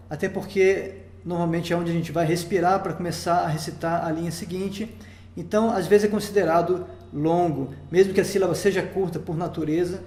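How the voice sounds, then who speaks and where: A man's voice: high voice, darkish tone. A man with a Brazilian Portuguese accent teaching Sanskrit in a recorded lesson, explaining patiently step by step and often checking in with his listeners. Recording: roomy echo.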